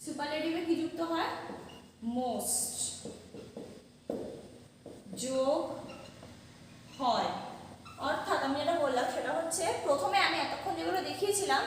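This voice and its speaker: A woman teaching an English grammar lesson, talking slowly and haltingly and repeating words as she writes. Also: high voice, animated, slight background noise. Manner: slow and halting, repeating words while writing. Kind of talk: classroom grammar lecture, writing as she talks. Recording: roomy distant mic with long echo.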